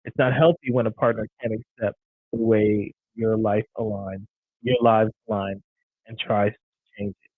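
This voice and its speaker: A man's voice: on the low side, fairly even intonation, normal speed, breathy edge, no echo. A man co-hosting a live podcast, joking along in casual chat and reading out discussion points. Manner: playful, upbeat when promoting the channel. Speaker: podcast co-host. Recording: tinny phone-like dry sound.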